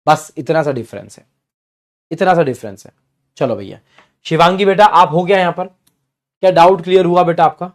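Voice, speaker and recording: A man teaching a live online class, answering student questions and repeating key points while sometimes acting out the parties in loud voices. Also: fairly high pitch, normal speed, long pauses. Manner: repeats key phrases to drive points home.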